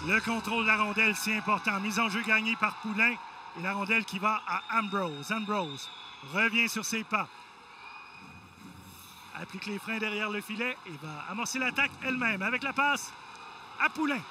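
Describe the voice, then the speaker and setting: A woman with a Quebec French accent giving excited live hockey play-by-play, in clipped phrases that rise to shouts on big plays. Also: medium pitch, moderate pace. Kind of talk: excited live sports commentary. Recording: loud arena noise behind voice. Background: hockey arena ambience.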